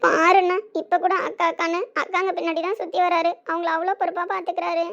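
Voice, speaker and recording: Very high, quick and earnest, this is a tearful young wife pleading for her husband in a family skit. The recording sounds dull and lo-fi. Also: level tone, a bit bright.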